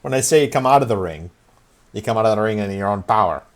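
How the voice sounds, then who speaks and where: A man's voice: lowish voice, animated, fast, lightly acted. A man voicing a short, greasy-haired human fight promoter who talks in a brusque, folksy, businesslike way. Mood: matter-of-fact.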